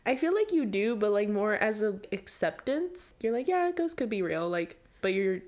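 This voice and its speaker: A woman's voice: mid-range voice, normal speed. A young woman from Hawaii co-hosting a podcast, chatting casually with her best friend and laughing often. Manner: chatty, giggly, animated retelling. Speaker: podcast co-host. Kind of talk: casual chat.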